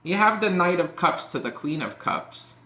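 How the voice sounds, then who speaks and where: A man's voice: high voice, lively intonation, normal speed, sharp tone, a little hiss or hum. A man giving a casual tarot reading, rambling and peppering his talk with "like" and "you know". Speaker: tarot reader. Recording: echoey room.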